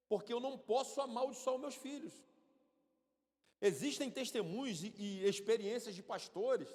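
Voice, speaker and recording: A man with a Brazilian Portuguese accent, a church elder giving an animated Sunday school sermon and acting out quoted parents, speaking off the microphone in a church hall. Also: high voice. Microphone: speaking without the microphone. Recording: long church hall reverb, off-mic.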